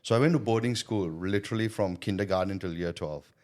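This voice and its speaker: A man's voice: sits low, brisk, a little mellow. A man being interviewed about his business and childhood, talking earnestly and reflectively and often adding "right?" and "you know". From born in Thailand, schooled in India. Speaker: guest, sales coach and business owner. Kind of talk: interview conversation.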